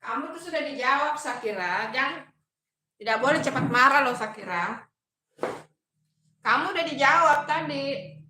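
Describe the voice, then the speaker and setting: A woman chatting casually on a live stream, reading viewer comments aloud and gently coaxing them. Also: high voice, lively intonation, moderate pace, long pauses, roomy sound, a little hiss or hum. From Indonesia. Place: home kitchen.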